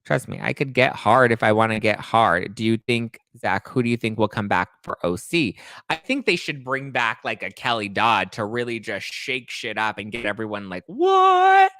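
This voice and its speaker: With a fairly low, sharp-toned voice, a man in his late twenties runs a live stream, very animated as he reads viewers' comments aloud and gives candid, chatty replies. He keeps a moderate pace, and there's no room sound.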